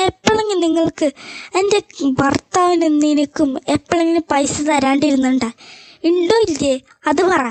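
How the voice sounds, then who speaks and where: A harsh, domineering mother who scolds and commands, as a woman acts her out. The voice is pitched very high and sounds thin and sharp. She speaks in an amateur fan drama. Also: no room sound. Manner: scolding, commanding, then frantic pleading. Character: stern, proud mother who later panics over her son.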